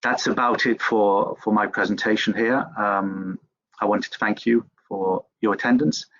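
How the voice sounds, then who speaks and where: A man giving a business presentation to an industry webinar audience, halting often with fillers and restarts. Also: fairly low pitch, fairly even intonation, fairly bright tone, slightly rough, no room sound, dull audio.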